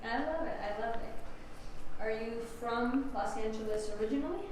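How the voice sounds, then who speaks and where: A woman's voice: on the high side, moderate pace. Chatty woman host in an echoey room. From Texas. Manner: chatty and enthusiastic, with rambling questions. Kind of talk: casual interview chat. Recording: very echoey room with background noise.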